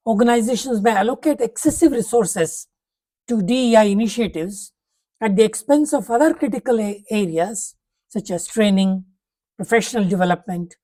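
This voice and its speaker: A woman reading a prepared talk aloud, setting out numbered points in a measured, formal way. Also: medium pitch, warm tone, poor audio.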